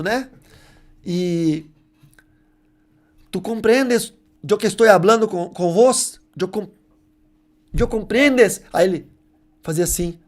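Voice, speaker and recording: A man preaching on a live show, telling a testimony in an animated, emphatic way and acting out the dialogue. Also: high voice. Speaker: preacher on deliverance ministry.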